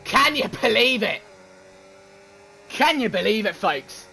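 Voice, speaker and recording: A man giving excitable live commentary on a sim race and chatting with his viewers. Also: high voice, slow, creaky, slightly rough. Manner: excitable, swears when shouting, chats with viewers.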